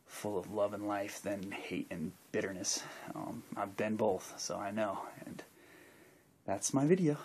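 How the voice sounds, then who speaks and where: Man, husky and a bit low, casual vlogger answering questions, rambly with restarts. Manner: rambling, with many restarts and fillers. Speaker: YouTuber answering viewer questions. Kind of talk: casual video monologue.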